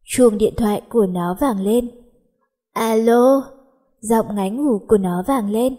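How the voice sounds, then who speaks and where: A woman narrating a story as an audiobook reader, in steady storytelling. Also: medium pitch, normal speed, slightly rough. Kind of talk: audiobook narration of a teen romance.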